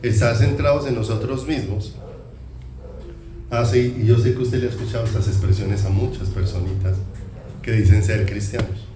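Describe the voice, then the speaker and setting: A man's voice: fairly low pitch, fairly even intonation, normal speed. A man with a Colombian accent preaching a sermon in a church hall, talking in a conversational way and asking the congregation many questions. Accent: Colombian Spanish. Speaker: pastor. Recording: echoey hall, distant mic, noisy.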